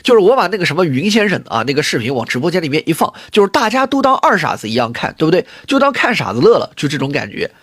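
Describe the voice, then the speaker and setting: A man with a husky, animated voice rants fast on a livestream, often repeating himself. His voice sounds dry and close to the mic. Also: a little high, no echo. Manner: excited, ranting, repeats himself. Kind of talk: livestream rant.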